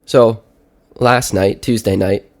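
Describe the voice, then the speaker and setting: A man's voice: fairly low pitch, fairly even intonation, slow pace. Congested man, nose sounding pinched shut. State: sick with a stuffy head cold. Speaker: podcast segment host. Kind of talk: casual personal audio diary.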